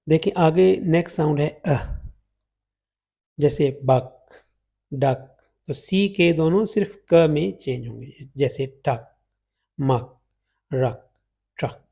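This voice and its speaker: A man gives an unhurried phonetics lesson, stretching out each example word so learners can hear it. His voice is dark, husky and gravelly, pitched a little high for a man. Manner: slow, drawn-out demonstration of vowel sounds. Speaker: English teacher. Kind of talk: phonetics lecture in Urdu-Hindi with English examples.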